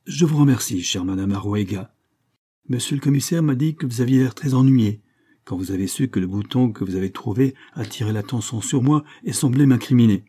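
A man's voice: mid-range voice, brisk, dark tone, breathy edge, voice pushed up, natural voice. A male reader voicing a jovial American man who coaxes and teases. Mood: cheerful.

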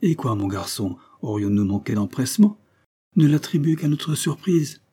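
A man's voice: mid-range voice, lively intonation, moderate pace, pitched above the performer's own voice. A man voicing a kindly older army major, hesitant and fatherly toward a young officer. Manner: hesitant, gruff warmth.

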